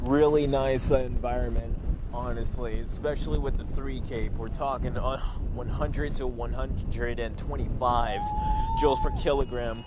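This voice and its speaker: A man storm chasing, talking casually and technically with hesitant pauses. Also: mid-range voice, big pitch swings. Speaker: storm chaser. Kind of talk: casual vlog talk with weather readings. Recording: very loud vehicle and outdoor noise.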